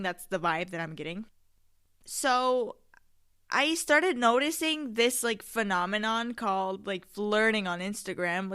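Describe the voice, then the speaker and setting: A woman's voice: on the high side, pushed and bright, clean tone. A young adult woman hosting a casual solo podcast in a candid, slangy, emphatic and rambling way, often swearing. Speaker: podcast host.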